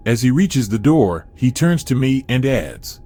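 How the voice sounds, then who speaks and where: Male narrator, mid pitch, steady first-person horror storytelling. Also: a little slow, husky, soft background music.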